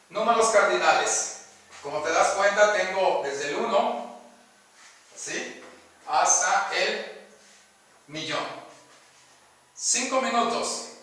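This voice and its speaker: A man leads a language lesson, drilling words one at a time in an upbeat, unhurried way. His voice sits fairly high and sounds bright and forceful. He is heard from a distance in a strongly echoing room. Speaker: English teacher. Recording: very echoey room, mic far off.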